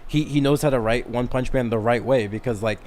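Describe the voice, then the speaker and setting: This twenties-aged podcast co-host talks anime and manga in a loose, slangy way, rambling as he explains things. His voice sits at medium pitch with a darkish tone, and he speaks fairly quickly.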